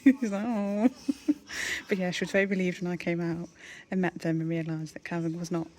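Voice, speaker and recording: A woman casually vlogging into her handheld phone, chatty and quick to laugh. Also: on the low side, steady tone, a little mellow. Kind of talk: casual vlog to phone camera. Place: hospital corridors, then a car.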